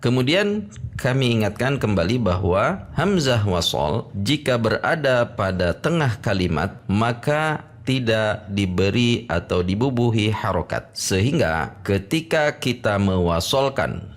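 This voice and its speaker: A middle-aged man with a fairly low voice gives a step-by-step recitation lesson. He is patient and methodical, drawing out and repeating single syllables as he demonstrates them. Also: sing-song, a little slow. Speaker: Quran recitation teacher.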